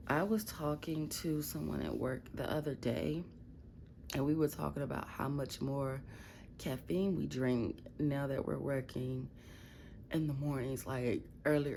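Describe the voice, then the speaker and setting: At night in her bedroom, a woman with a Midwestern American accent vlogs casually in a groggy, just-woke-up voice. Her low, gravelly, warm voice carries blunt, profane, rambling stories over slight background noise.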